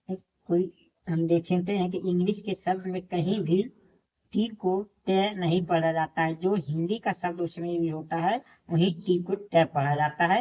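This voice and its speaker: A woman's voice: on the low side, warm tone. A woman teaching English pronunciation in a classroom lesson, spelling out each word letter by letter and then repeating the correct form. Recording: dull lo-fi recording.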